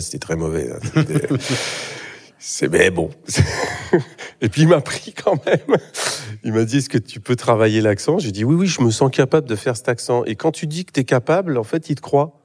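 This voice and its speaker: A man's voice: lowish voice, vocal fry, darkish tone. A middle-aged man, an actor, talking in a live interview on a theatre stage, hesitant, with many fillers and restarts. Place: theatre stage before an audience.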